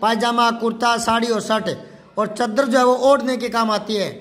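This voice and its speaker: A man's voice: extremely high pitch, little pitch movement, moderate pace, a bit bright, faint music behind. A man teaching a children's class, patiently going through worksheet questions, asking the pupils and answering himself. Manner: spells out words syllable by syllable. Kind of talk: classroom lesson explaining a worksheet.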